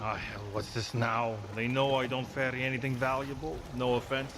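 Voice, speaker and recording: A man playing a wry, gruff ferryman. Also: mid-range voice, level tone, moderate pace, noisy background, lightly acted. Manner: dry, wry and unbothered.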